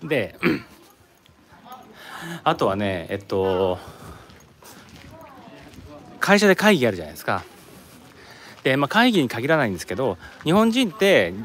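A man from Japan chats on a live stream as he walks outdoors. His talk rambles, and he breaks off to answer viewer comments. His pitch moves around a lot, at an average height for a man. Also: fairly bright tone. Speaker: live streamer, office worker in Korea. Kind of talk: casual live-stream chat while walking. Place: outdoors at a palace tourist site.

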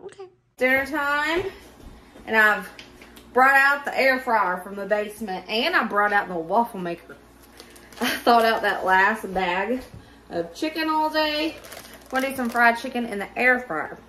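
A woman's voice: a little high, animated, measured pace, pushed and bright, slight background noise. A woman in her thirties with a Southern US accent, chatting casually through a home cooking vlog in her kitchen. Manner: chatty, upbeat, narrates while cooking. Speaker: vlogger.

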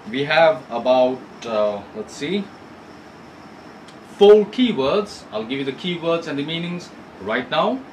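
A man's voice: fairly high pitch, a little hiss or hum, low-quality recording. A male English teacher giving an online class. He reads a textbook story aloud and explains it, asking students questions and rephrasing points. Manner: asks students questions, repeats and rephrases for clarity.

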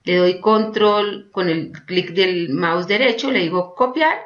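A woman teaching an online course through a screen-recorded software tutorial, chatty, constantly saying "look" and checking in with "ok?". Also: lowish voice, takes it slowly, dull audio. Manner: chatty, keeps prompting with "mira" and "¿ok?".

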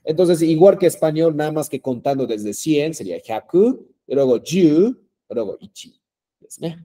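A man's voice: a little high, lively intonation, normal speed, mellow. A man teaching a language class, patient and repetitive, with many fillers and check-ins. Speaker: Japanese teacher.

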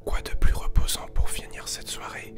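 A man's voice: faint music behind, natural voice. Young man putting on a soothing whispered role-play, ASMR relaxation parody. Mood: soothing, calm. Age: young adult. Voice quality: soft breathy whisper. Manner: slow, soothing, deliberately gentle. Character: overly calm relaxation video whisperer, parody. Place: small bedroom with computer desk, indoors.

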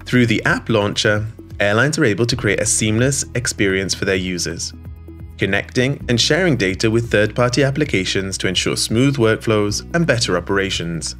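A man reading a scripted product voice-over in a smooth, even, polished way, recorded in a studio. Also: fairly low pitch, normal speed. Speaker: voice-over narrator. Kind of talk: scripted corporate narration. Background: soft background music.

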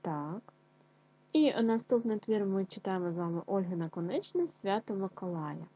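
A woman teacher leading an online reading lesson for young children, speaking clearly and repeating phrases for them to follow. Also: medium pitch, lively intonation, warm tone, muffled recording. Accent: Ukrainian. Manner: clear, slow syllable-by-syllable dictation for children. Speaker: primary school teacher.

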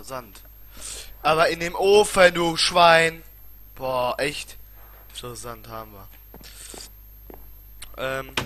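A man giving casual gameplay commentary as a let's player, muttering and grumbling in colloquial exclamations. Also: medium pitch. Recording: clearly noisy home recording with clicks.

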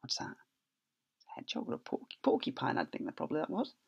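This middle-aged male teacher sounds a little high and a little fast, with huge pitch swings and a gravelly texture. He's reading a picture book to young children, stretching important words for fun and doing sound effects. The close-range laptop webcam in his small office cuts off the highs and adds a little hiss or hum.

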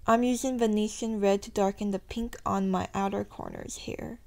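A woman's voice: mid-range voice, steady tone, normal speed, vocal fry, a little mellow. A young woman narrating her makeup tutorial in a chatty, self-deprecating voice-over, her sentences often rising at the end. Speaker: beauty vlogger.

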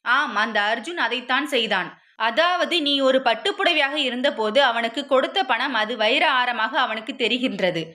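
A woman's voice: on the high side, normal speed, bright, forceful tone. A woman voicing a protective middle-aged father who reasons patiently with his daughter in a spoken story. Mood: reasoning.

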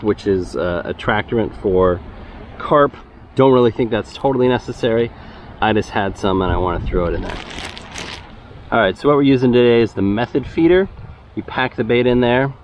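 A relaxed young man with a fairly low voice and a Texan accent hosts a fishing channel, explaining carp fishing in casual vlog narration and getting excited when a fish bites. He's outdoors by a concrete-lined urban bayou, recorded on a head-mounted action camera. The outdoor camera audio is dull, with faint traffic noise.

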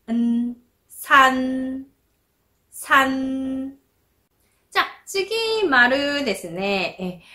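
A young woman who grew up speaking Korean, teaching pronunciation in a slow, patient way and repeating each sound as an example. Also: fairly high pitch, sharp tone. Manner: models sounds slowly and repeats them.

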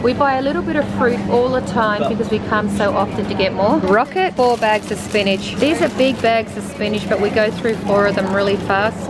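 A woman's voice: on the high side, heavy background noise. A middle-aged woman, chatting as she walks through a large supermarket and explains each item. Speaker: vlogger mother. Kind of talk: casual shopping vlog. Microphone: handheld camera. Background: background music.

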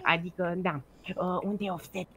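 A woman's voice: fairly low pitch, steady tone, a bit bright. A woman playing a role-play character in a game voice chat, rambling crudely and joking.

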